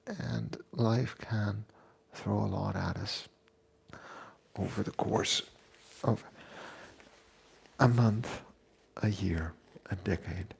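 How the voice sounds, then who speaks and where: A man in his forties, a fitness vlogger talking in a casual, unhurried way from his kitchen, pausing often with fillers. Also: fairly low pitch, gravelly, slightly rough. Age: 40s. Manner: unhurried, reflective, pauses with fillers. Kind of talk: casual chat. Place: home kitchen.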